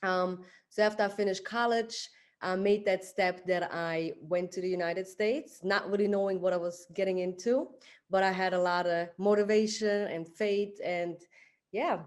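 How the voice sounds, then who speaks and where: A woman from Switzerland, a guest on a podcast, telling her life story in a relaxed way with many filler words. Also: mid-range voice, normal speed. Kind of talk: casual interview storytelling.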